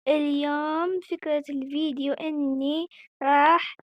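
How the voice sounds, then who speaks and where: A woman with a Moroccan accent, a gaming channel host giving chatty gameplay commentary that bursts into excited squeals when she is surprised. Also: high voice, a little slow, lo-fi sound. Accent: Moroccan Arabic.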